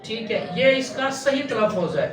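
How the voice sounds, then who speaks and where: A man teaching Quran recitation step by step, patiently spelling out letters and chanting long drawn-out syllables. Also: high-pitched, sing-song, far from the mic. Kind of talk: step-by-step tajweed lesson. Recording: echoey room, voice off-mic, faint hum.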